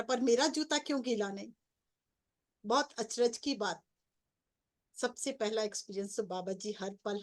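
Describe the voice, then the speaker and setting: A middle-aged woman, a spiritual coach, earnestly recounting her spiritual experiences as a personal story. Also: mid-range voice. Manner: earnest storytelling, grows excited and breathless. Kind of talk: personal testimony.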